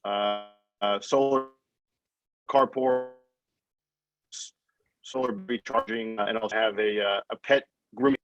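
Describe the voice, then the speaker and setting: A man speaking as a panelist on a video call whose audio keeps breaking up, answering haltingly with many fillers. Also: fairly low pitch, fairly even intonation, fairly bright tone, dry recording, far from the mic, dull audio.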